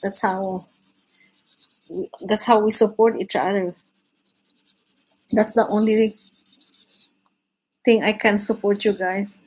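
Chatting in a mix of English and Tagalog, this young Filipino livestream host draws live indoors in her home living room, reading out chat messages and laughing a lot. Her mid-range voice is steady, slow, and darkish with a breathy edge, with frequent pauses. She has a Filipino accent, and the recording is poor.

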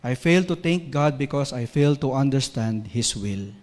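A man's voice: medium pitch, expressive, a little slow, darkish tone. Earnest Filipino man preaching in a reverberant hall. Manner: earnest, personal storytelling, rising to emotional intensity. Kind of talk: sermon mixing Tagalog and English. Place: church hall.

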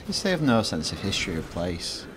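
A man's voice: deep voice, very animated, fairly quick, noisy background. A young man co-hosting a casual chat, throwing in dry, teasing quips. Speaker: podcast co-host.

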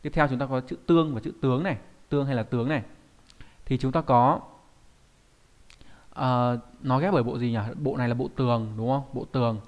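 A man teaching an online kanji lesson. He talks in a chatty way, keeps asking rhetorical questions, and says Japanese words slowly and carefully. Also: mid-range voice, fairly even intonation.

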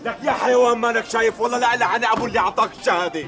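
An actor playing an angry driver hit in a crash, with a Syrian accent, hurling insults and complaints in a TV comedy sketch. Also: male voice, very high voice, racing, creaky, over music. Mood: furious. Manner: shouting insults, exasperated.

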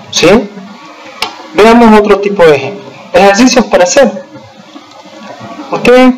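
A man teaching an English lesson to schoolchildren, explaining slowly and patiently and pausing to check they follow, slowing down to spell out example sentences. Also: high voice, rough recording. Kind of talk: recorded remote lesson over slides.

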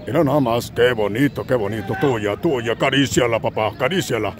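A man with a Mexican accent calling an amateur soccer game outdoors at a local field, with a cold, shouting encouragement at the players and joking with himself. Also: mid-range voice, fairly quick, a crowd in the background. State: has a cold. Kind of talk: excited play-by-play commentary.

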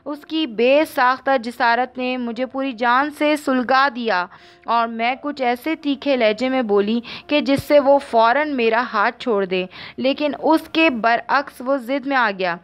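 A woman narrating a novel aloud in the first person, steady and even. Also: high voice, a little slow, smooth. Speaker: audiobook narrator.

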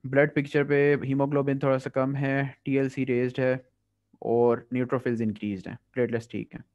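A man's voice: medium pitch, flat delivery, a little mellow. Pakistani man tutoring through exam questions. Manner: reads English questions slowly, explains quickly in Hindi-Urdu. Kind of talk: past-paper review lecture. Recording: dull lo-fi audio.

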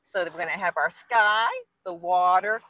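A woman's voice: fairly low pitch, normal speed, sharp tone, dry recording, dull audio. An older woman hosting an outdoor painting session, chatty and calling her viewers everybody. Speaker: host leading a painting session. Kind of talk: casual instructional chat. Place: outdoors on a lakeside dock.

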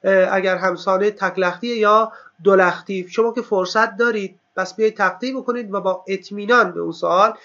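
Male teacher, high bright voice, exam review, slow stress on key terms, slightly muffled lo-fi audio. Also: fairly even intonation. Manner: stresses key terms slowly, asks and answers his own questions.

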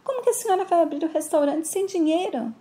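A woman's voice: very high voice, expressive, quick pace, dark tone, pitched above the performer's own voice. A woman voicing a worried, sensible young daughter.

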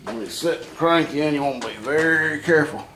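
A man's voice: fairly high pitch, a little fast, a bit bright, a little hiss or hum. A man casually explaining an engine job as he works, thinking aloud and muttering to himself in a dim workshop. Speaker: home mechanic. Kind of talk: casual how-to demonstration.

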